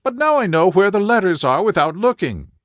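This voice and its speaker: A man's voice: high voice, big pitch swings, a little fast, no room sound, clean studio sound, pitched above the performer's own voice. A man voicing a nervous, earnest, good-humored young woman in an audiobook story, with an anxious, confiding manner.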